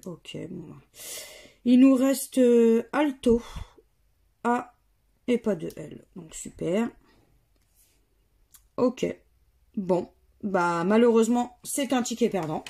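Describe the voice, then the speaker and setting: A woman casually commenting as she scratches lottery tickets, reading out letters and words in a slow murmur that often drops to near-whispers. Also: medium pitch, creaky, mellow, slightly rough. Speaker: scratch-card vlogger.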